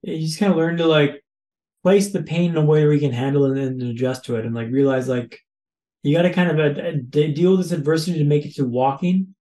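A man's voice: on the high side, brisk, dark tone, roomy sound. A man, a podcast guest, telling a personal story in vivid, repetitive phrases with punchy lists. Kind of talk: storytelling in an interview.

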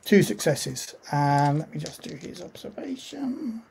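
Slow, hesitant male game master. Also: on the high side, big pitch swings, vocal fry, heavy background noise. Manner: hesitant, halting. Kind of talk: running a tabletop roleplaying game.

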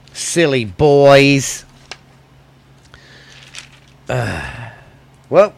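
This solo podcast features an American man trading in crude, casual comic chatter, blunt and unpolished. His medium-pitched voice has a fairly bright tone yet sounds slightly weak and stuffy, with no room sound at all.

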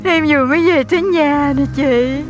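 A woman's voice: sits high, normal speed, faint music behind, close to an everyday voice. A young woman plays a dramatic tenant who slips English phrases into her speech. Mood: dejected.

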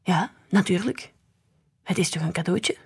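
A woman voicing a burly old grandfather shopkeeper who grumbles calmly and never gets ruffled. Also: on the low side, unhurried, creaky, slightly rough, heavily acted. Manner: grumbling, unflappable.

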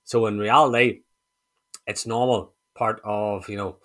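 Frank male coach, low pitch with a sharp bright edge, easygoing podcast talk. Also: fairly even intonation, unhurried. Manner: frank, swears casually, explains with examples. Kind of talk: casual podcast chat.

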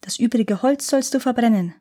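A woman voicing a lying, scheming young servant maid who fawns and flatters. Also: fairly high pitch, normal speed, husky. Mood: commanding. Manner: sly, fawning replies.

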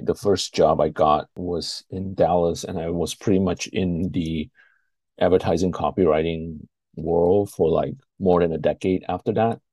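Very deep-voiced man from Malaysia. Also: dark tone, dry recording. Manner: thoughtful, searching for words. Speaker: guest filmmaker. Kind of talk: interview answers.

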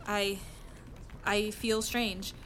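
A woman voicing a bewildered female AI assistant who answers in flat, clipped machine replies. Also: mid-range voice, extremely slow, a little hiss or hum. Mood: uncertain.

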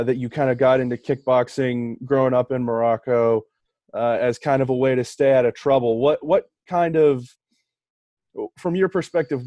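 A man co-hosting an interview, asking measured, slightly hesitant questions. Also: medium pitch, dark tone, no room sound. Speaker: podcast co-host. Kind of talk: casual interview.

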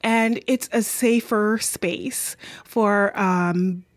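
An unhurried woman speaks with a light Jamaican accent, earnest and thoughtful. She pauses and restarts as she finds her words. The sound is dry and close. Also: mid-range voice, steady tone, dry recording. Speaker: community mentor and author. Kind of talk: interview answers.

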